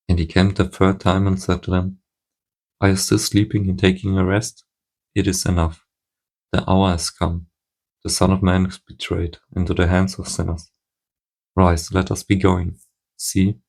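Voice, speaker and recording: A man reading scripture aloud at a steady pace, now and then stumbling and restarting a word. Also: low voice. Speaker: Bible reader.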